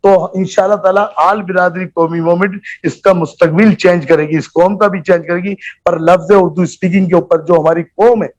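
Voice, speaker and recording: High-voiced man over a phone line. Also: fairly even intonation, normal speed, few pauses. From Pakistan. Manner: forceful, rhetorical, repeats phrases for emphasis. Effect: heard over a phone line. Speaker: guest. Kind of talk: impassioned political argument. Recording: dull lo-fi phone audio.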